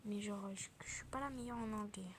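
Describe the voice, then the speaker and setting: A young female video creator chatting casually while playing a game, speaking softly and often half-whispering, with many fillers. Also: mid-range voice, brisk, a little hiss or hum. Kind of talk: casual gameplay chat.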